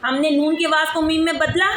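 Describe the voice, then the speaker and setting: A high-pitched woman from Pakistan leads a one-on-one recitation lesson, asking patient questions and drawing syllables out slowly to show how they sound. The recording is echoey, with background noise clearly heard throughout. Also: level tone. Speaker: Quran recitation teacher.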